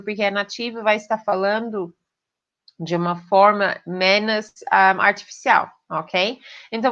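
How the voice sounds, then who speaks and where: A woman's voice: medium pitch, a bit bright, highs cut off. A woman with an English accent, a native English speaker, giving an online pronunciation lesson and checking in often with her students. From Britain. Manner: clear teaching tone with frequent "ok?" check-ins. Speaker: English teacher.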